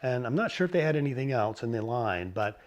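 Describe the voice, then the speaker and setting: A middle-aged vintage stereo channel host talks fast, his medium-pitched voice hoarse from a cold and swinging widely in pitch. He explains old stereo gear casually, rambling a bit with fillers and self-corrections.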